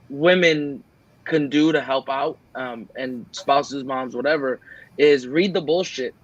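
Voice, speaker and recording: An earnest man co-hosts a casual podcast, his voice sitting a little high for a man. He rambles through his points and acts out the lines he quotes. The sound is a bit muffled and lo-fi. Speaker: podcast co-host.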